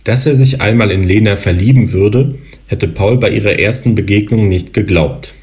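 A man in his thirties reading from his own novel in a calm, even narrative voice. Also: fairly low pitch, normal speed. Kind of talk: literary reading.

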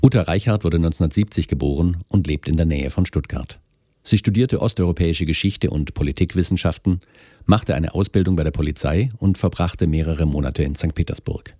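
Very deep-voiced male announcer. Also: no echo. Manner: calm, formal announcing. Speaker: podcast announcer. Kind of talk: scripted introduction. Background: faint music.

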